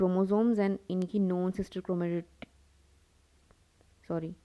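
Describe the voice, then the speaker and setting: In a mellow, medium-pitched voice, a young woman delivers a biology class while drawing. Her Hindi carries English terms, she calls the listeners "beta," and she asks her students questions only to answer them herself.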